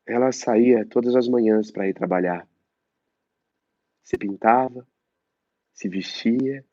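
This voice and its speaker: A man's voice: mid-range voice, slow pace, no echo, close to an everyday voice. A Brazilian man performing a monologue as a troubled young man locked in an asylum, pleading and anguished, on a dull lo-fi phone mic. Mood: haunted. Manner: anguished, pleading, wavering between loud and hushed. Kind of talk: theatrical monologue reading.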